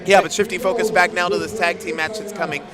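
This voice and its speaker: A man's voice: high voice, fairly even intonation, fast talker, a loud crowd. A man giving live wrestling commentary in an emphatic, explanatory way. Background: music.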